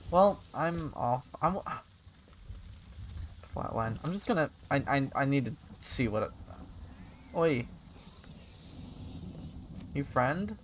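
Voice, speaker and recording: A young man casually commentating a game stream, excitable and giggly, thinking out loud as he plays. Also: mid-range voice, slow, long pauses, slight background noise.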